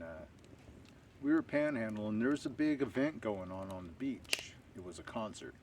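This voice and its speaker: A man telling a long story to camera in a rambling, unhurried way, full of fillers. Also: sits low. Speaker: stealth camping vlogger. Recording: distant outdoor camera audio with faint ambient noise.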